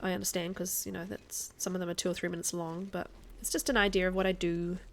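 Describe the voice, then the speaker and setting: A woman's voice: on the low side, level tone, fast talker. Chatty woman with a mild New Zealand accent. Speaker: live game streamer. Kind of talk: casual livestream chat over gameplay.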